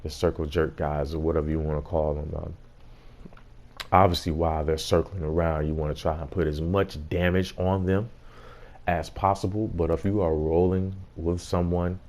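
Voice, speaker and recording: A man's voice: sits low, flat delivery, moderate pace, darkish tone. A man giving a casual gameplay tutorial as host, explaining things in an informal way.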